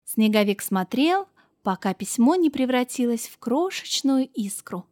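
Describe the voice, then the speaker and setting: A woman narrating a children's story in a warm, gentle storytelling voice with expressive lifts. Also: fairly high pitch, unhurried, dry recording, studio quality.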